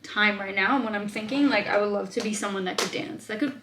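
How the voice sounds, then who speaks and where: A woman's voice: medium pitch, quick pace, background noise. Chatty young woman in a roomy space. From Australia. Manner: chatty, filler-heavy, thinks aloud. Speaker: vlogger. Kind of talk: casual chat answering viewer questions. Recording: roomy echo.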